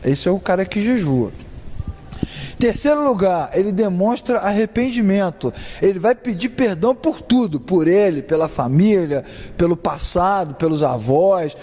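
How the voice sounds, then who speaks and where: A man leads a Bible class, speaking in a rather high voice and keeping it conversational by quizzing his students. His talk rings out with a long reverb, as in a classroom or church hall. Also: lively intonation, normal speed, mellow. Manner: conversational, asks the class questions, acts out examples. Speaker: Bible study teacher.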